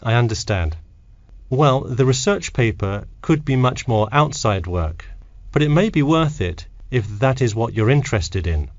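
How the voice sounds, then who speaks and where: A man playing a helpful, matter-of-fact university tutor in a scripted textbook dialogue, with deliberate intonation. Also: medium pitch, animated, no room sound, highs cut off. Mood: inquiring. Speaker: academic adviser in a listening-test dialogue.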